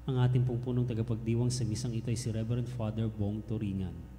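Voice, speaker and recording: A man's voice: on the low side, fairly even intonation, fast. A man serving as lector, giving formal announcements and reading scripture steadily. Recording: long church reverb with faint hum.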